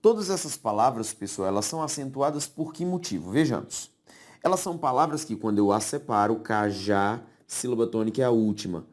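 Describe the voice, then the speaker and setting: A man's voice: mid-range voice, animated, darkish tone. A man with a Brazilian Portuguese accent teaching grammar rules in a classroom lecture, who repeats key words and keeps checking that the class follows. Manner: explains slowly, repeats key words, checks understanding often.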